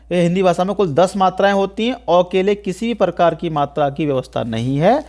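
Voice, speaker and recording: High-voiced man teaching Hindi grammar. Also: darkish tone. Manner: explains step by step, keeps asking "ठीक है" and repeating points. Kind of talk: video lecture on Hindi grammar.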